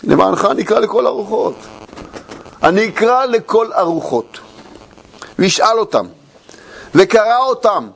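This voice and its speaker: A man teaching as a Torah teacher, retelling a tale in an expository lecture, animated and full of rhetorical questions and repeated phrases. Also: sits high, vocal fry, long pauses, breathy edge.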